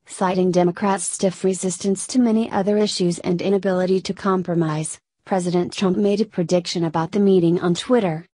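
Low, mellow woman reading the news. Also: fairly quick, few pauses, no echo. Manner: even read-aloud delivery that garbles abbreviations. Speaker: news narrator. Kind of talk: scripted news narration.

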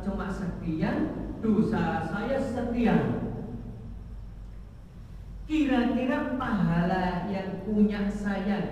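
Guy preaching slow and emphatic, dark mellow voice, big echoey mosque from far off. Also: sits high, a little hiss or hum. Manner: slow, emphatic, with sung phrases. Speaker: religious teacher. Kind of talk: sermon. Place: large mosque hall. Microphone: far camera. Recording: echoey hall from far off, dull.

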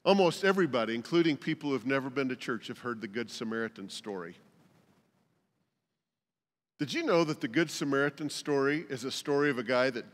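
Lively folksy older man preaching. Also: medium pitch, long reverb tail. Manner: folksy, joking storyteller. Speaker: lead pastor. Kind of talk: sermon. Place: church sanctuary.

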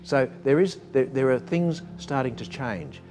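A man at an ordinary middle pitch talks as a political reporter in an interview. He speaks haltingly, restarting often and reaching for words. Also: animated, darkish tone, faint music behind. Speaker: political journalist. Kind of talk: interview answer.

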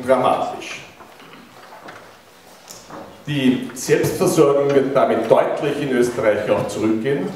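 A man's voice: medium pitch, darkish tone, recorded from a distance, a little hiss or hum. Austrian man lecturing in an echoey hall. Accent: Austrian German. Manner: engaging, asks the audience questions. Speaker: keynote speaker. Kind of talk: public lecture. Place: large university lecture hall, indoors. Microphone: handheld mic, recorded by a far camera.

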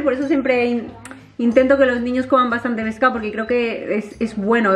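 A woman, chatting casually to viewers in her home kitchen as a vlogger. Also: on the high side. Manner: chatty, animated, addresses viewers directly. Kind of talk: casual home vlog chat.

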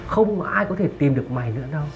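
A man playing a cruel male kidnapper and bully who sneers and shouts threats. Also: a little high, lively intonation, rapid-fire, vocal fry, lo-fi sound, faint music behind. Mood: menacing. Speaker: kidnapper villain, then rude customer. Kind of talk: web drama acting.

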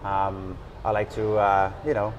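Male chef, 30s, German accent, relaxed interviewee, lowish voice, lapel mic in a restaurant. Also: unhurried, lo-fi sound, noisy background. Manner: calm, frequent "uh" and "you know" fillers. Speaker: executive chef. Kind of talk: casual interview. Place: restaurant booth indoors.

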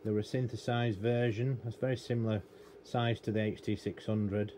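Fairly low and mellow, this man's voice holds fairly even intonation at a moderate pace. He's a middle-aged British radio technician and hobbyist presenter giving a rambling, unscripted, plain-spoken hands-on explanation at a cluttered electronics workbench indoors. Noticeable room noise sits behind his voice.

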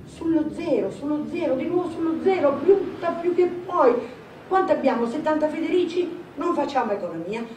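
A woman's voice: expressive, moderate pace, darkish tone, a little hiss or hum. A woman playing a frantic, bossy old grandmother. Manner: shrill, commanding, breathless urgency. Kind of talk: dramatic literary reading. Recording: echoey hall, distant mic, music.

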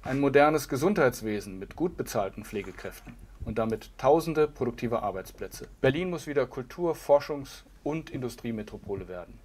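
A man giving a scripted political campaign address in a steady, earnest manner, filmed indoors in front of a map backdrop. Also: medium pitch, moderate pace, hardly any pauses. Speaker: campaign ad speaker.

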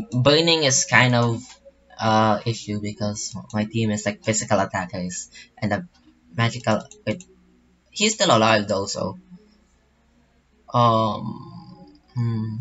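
A man's voice: fairly low pitch, fairly bright tone, muffled recording. A young man commentating his own online game battle in a casual, rambling way, full of fillers and restarts. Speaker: gaming channel host.

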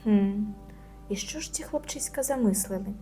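Brief: a woman reading as a feisty schoolgirl in a children's audio story, a touch higher. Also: animated, moderate pace, mellow, soft background music, close to an everyday voice. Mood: puzzled. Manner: indignant, musing to herself. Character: proud, stubborn young schoolgirl.

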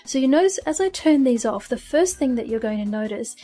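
Chatty higher-voiced woman explaining. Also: lively intonation, a little fast, mellow, faint music behind. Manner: chatty, laughs at herself. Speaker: streaming tutorial host. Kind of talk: casual screen-recorded tutorial. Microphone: desk microphone with audio filters. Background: fan hum and birds.

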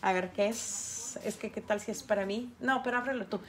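A woman's voice: mid-range voice, moderate pace. A middle-aged woman, chatting casually with viewers on a livestream while she paints. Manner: chatty, talks straight to viewers. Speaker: artist livestreaming her painting.

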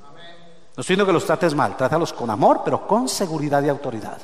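A male pastor preaching a sermon, swinging between loud shouted peaks and low hushed asides and calling on the congregation to repeat phrases. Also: sing-song, brisk. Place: church sanctuary. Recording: echoey church hall with long reverb.

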